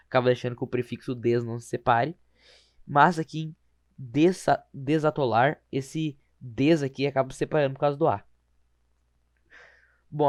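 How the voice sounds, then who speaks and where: A man explaining grammar rules over slides, informal, often slowing to spell words out and correcting himself. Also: medium pitch, dry recording, clean studio sound. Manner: informal, repeats words slowly, self-correcting. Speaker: teacher.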